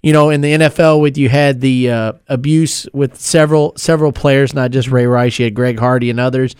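Clear-voiced man in sports talk. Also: medium pitch, steady tone, a little fast, darkish tone, dry recording, clean studio sound. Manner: laughs often, conversational.

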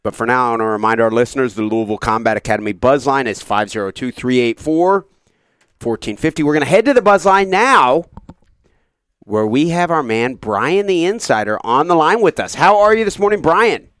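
A man's voice: mid-range voice, lively intonation, a little fast, a bit bright, clear, resonant tone, no room sound, clean studio sound. A man hosting a sports talk radio show, asking casual, teasing questions.

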